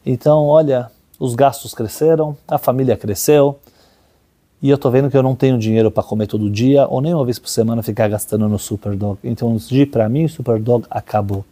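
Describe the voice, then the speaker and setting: Man, religious teacher, lively storytelling sermon, husky and mellow tone, acts out the characters. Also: medium pitch, brisk. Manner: animated storyteller, voices characters in dialogue.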